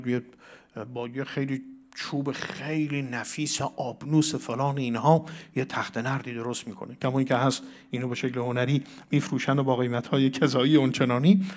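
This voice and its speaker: A man's voice: medium pitch, little pitch movement. A man giving a religious lecture on a Quran verse, reciting Arabic verses and putting questions to his listeners that he answers himself. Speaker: cleric teaching Quran commentary.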